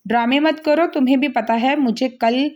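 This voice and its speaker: A woman's voice: sits high, moderate pace, darkish tone, highs cut off, lightly acted. Woman reading as a smug teasing young husband. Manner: playful, self-assured.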